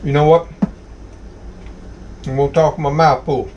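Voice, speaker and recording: A man's voice: fairly high pitch, steady tone, unhurried, darkish tone, highs cut off, slight background noise. A man with a Southern US accent hosting a casual home cooking vlog, folksy and exclamatory as he savors his food. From Southern United States. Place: home kitchen.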